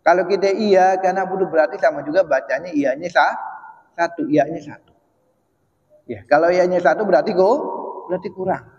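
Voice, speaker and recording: Male religious teacher, slightly high voice, patient and repetitive, slow chanted recitations; muffled recording with long hall reverb. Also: a little mellow. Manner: explains patiently, repeats words, chants Arabic slowly. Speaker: Islamic teacher. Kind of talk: mosque study lesson. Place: mosque hall.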